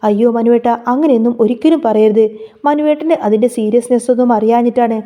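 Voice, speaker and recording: Soft pleading young woman, read by a woman storyteller, kinda high voice, muffled lo-fi audio. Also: fast, lightly acted. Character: young woman, gentle and tearful.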